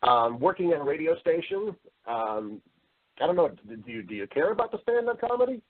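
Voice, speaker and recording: An American voice actor and entertainer, appearing as an interview guest, tells his story casually in a fairly high, very animated voice at a brisk pace. He's chatty and rambling, often repeating words, and the sound is muffled and narrow, like a phone.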